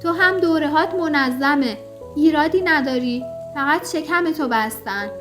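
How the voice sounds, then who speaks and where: A woman's voice: high-pitched, over music, close to an everyday voice. A woman reading the part of a superstitious, bossy older mother-in-law in an audio story, scolding and lecturing.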